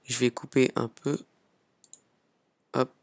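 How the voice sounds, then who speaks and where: A man casually hosting a software tutorial, chatting along as he clicks and filling pauses with little "hop" and "voilà" sounds. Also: mid-range voice, flat delivery, no echo. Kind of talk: casual screen-recorded tutorial.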